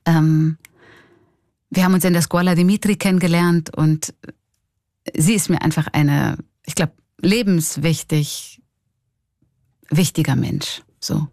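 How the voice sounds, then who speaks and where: A woman's voice: sits low, steady tone, measured pace, long pauses, a little mellow, no room sound, studio quality. A middle-aged woman with a Swiss German accent, a clown and comedian, talking candidly and reflectively in an interview. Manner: reflective, candid, laughs often.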